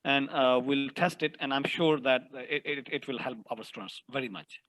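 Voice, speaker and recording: A man's voice: mid-range voice, normal speed, fairly bright tone, low-quality recording. A man presenting at an online workshop, eagerly explaining technical setup with frequent restarts. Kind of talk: answering technical questions.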